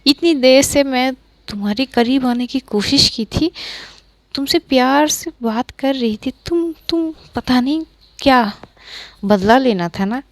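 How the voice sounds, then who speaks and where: A woman's voice: high-pitched, a little slow, no room sound. A woman doing a pleading, insistent lover. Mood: forceful. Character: young woman, lovesick, pleading then forceful.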